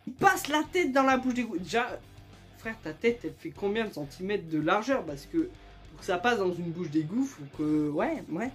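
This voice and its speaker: A young man retelling absurd stories in a casual, joking, slangy way, laughing often and breaking into loud squeals of outrage. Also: sits high, sing-song, moderate pace, faint music behind. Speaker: YouTuber. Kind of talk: casual comedic storytelling and reading aloud.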